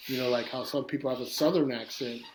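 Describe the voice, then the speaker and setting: A guest artist with a New York street accent from East New York, Brooklyn, talks fast in a medium-pitched voice during a casual podcast interview. Swearing and rambling, he tells animated stories, and the recording carries a little hiss or hum.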